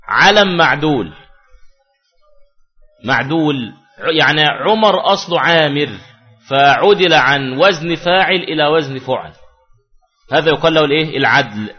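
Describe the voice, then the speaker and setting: A man's voice: fairly high pitch, expressive, normal speed, long pauses, slightly rough. A man teaching Arabic grammar in a classroom lesson, explaining step by step and answering his own questions. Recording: dull lo-fi recording with faint music.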